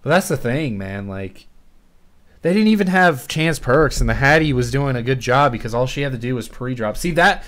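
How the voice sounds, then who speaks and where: A man's voice: medium pitch, expressive, moderate pace, fairly bright tone. Profane young male gameplay streamer. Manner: profane, rambling, talks to chat. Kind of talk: casual gameplay commentary.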